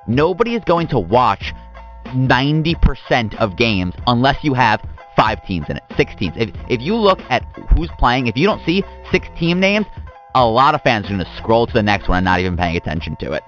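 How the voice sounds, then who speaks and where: A man's voice: mid-range voice, very animated, fairly quick, fairly bright tone. A man co-hosting a casual sports talk show, giving emphatic opinions. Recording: dull lo-fi recording with faint music.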